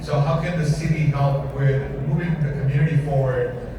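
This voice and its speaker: Measured male moderator, echoey hall. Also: mid-range voice. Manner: measured, uses fillers like 'you know'. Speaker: panel moderator. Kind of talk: moderating a panel. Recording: echoey hall, distant mic, crowd noise.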